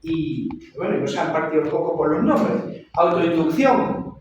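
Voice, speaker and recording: Man, lecturer, repeats and checks in, high-ish voice, distant mic. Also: expressive, measured pace, darkish tone, dull audio, slight background noise. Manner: repeats and checks understanding with "¿vale?". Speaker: university lecturer. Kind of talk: classroom lecture. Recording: echoey room, voice far from the mic.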